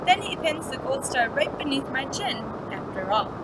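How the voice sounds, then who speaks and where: Sitting in a classroom, a young adult teacher with a high voice reads a children's story at a normal pace, very animated, using simple wording and asides aimed at little ones. The webcam microphone picks up clear background noise.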